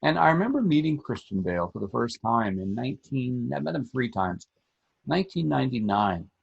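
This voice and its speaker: A middle-aged man co-hosting a film podcast, telling stories in a measured, reflective way. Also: mid-range voice, big pitch swings, creaky, breathy edge, dry recording. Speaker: podcast co-host, film critic. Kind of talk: casual film talk. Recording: dull lo-fi sound.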